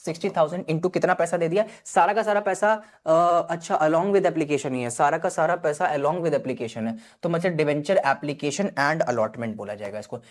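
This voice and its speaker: With a fairly high pitch and moderate pace, this man lectures online to prepare students for an accountancy exam, hardly pausing at all. He walks through each step, frequently checks that students are following, and drops in English terms.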